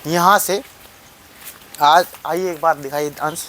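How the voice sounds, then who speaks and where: A man's voice: fairly high pitch, steady tone, slow pace, heavy background noise. A young man vlogging a tour of an old mud house, talking straight to viewers in a rambling way and repeating his phrases, recorded on a phone camera. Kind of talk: casual vlog tour.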